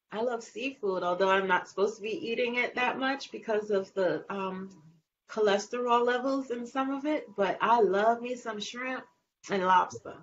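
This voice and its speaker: A female singer with a light, fairly high voice chats animatedly and unhurriedly as an interview guest, laughing and acting out little scenes and quotes. It's casual conversation, captured on a lo-fi recording with faint noise.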